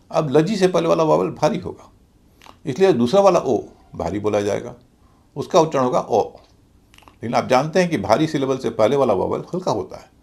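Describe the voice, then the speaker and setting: Male language teacher, patient step-by-step explainer, gravelly voice with a lively, swinging pitch. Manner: methodical, spells words letter by letter. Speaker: English teacher. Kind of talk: explanatory pronunciation lesson.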